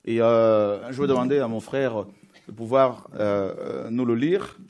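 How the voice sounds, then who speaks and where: A man's voice: mid-range voice, measured pace, darkish tone. A man preaching a sermon, reading scripture aloud and building to emphatic, rising passages. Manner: emphatic, builds intensity on key points.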